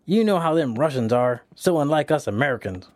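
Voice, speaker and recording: An actor playing a friendly police officer in a hurry, with a chummy manner. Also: male voice, fairly high pitch, animated, no room sound, studio quality, lightly acted. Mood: hurried. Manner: hurried, chummy. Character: eager male police officer, hurried and friendly. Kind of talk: audio drama acting.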